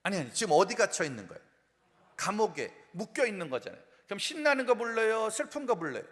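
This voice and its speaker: A male pastor preaching a humorous revival sermon in a church sanctuary. His voice is high and bright, and his pitch swings widely as he jokes with the congregation. A long hall reverb trails behind every line. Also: fast. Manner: playful, animated, acts out quoted complaints and sings snippets.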